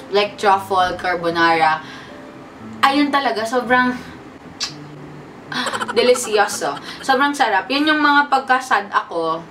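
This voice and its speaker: A woman's voice: mid-range voice, a bit bright, distant mic, a little hiss or hum, rough recording. A young woman from the Philippines in a casual sit-down vlog, chatting and mixing Tagalog and English. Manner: chatty, mixes Tagalog and English, says bestie. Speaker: vlogger.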